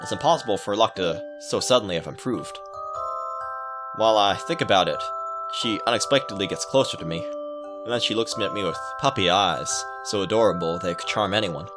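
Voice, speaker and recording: Reading through a visual novel with game music in the background, this male video game let's player speaks briskly in a fairly low voice and cracks playful jokes along the way.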